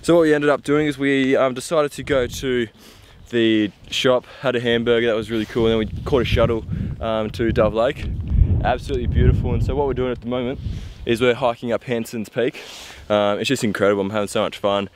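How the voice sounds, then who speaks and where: With a medium-pitched voice, a steady tone and a brisk pace, a young man from Tasmania narrates a casual vlog. He holds the camera at arm's length while hiking on a wet, windy mountain, rambling eagerly and saying um a lot. The outdoor recording has noticeable background noise.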